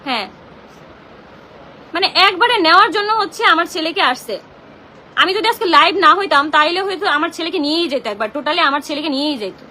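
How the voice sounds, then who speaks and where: A woman's voice: very high-pitched, expressive, pushed and bright, a little hiss or hum. A young woman with a Bangladeshi Bengali accent ranting on a live stream, agitated and confrontational, speaking into her phone. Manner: agitated, confrontational, rapid complaining. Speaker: social media livestreamer. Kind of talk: emotional live-stream rant.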